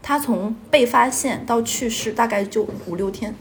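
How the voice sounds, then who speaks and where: A woman's voice: fairly high pitch, normal speed, a little hiss or hum. A young woman from Northeast China, telling a personal story in a rambling way and stringing thoughts together with "and then". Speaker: podcast storyteller.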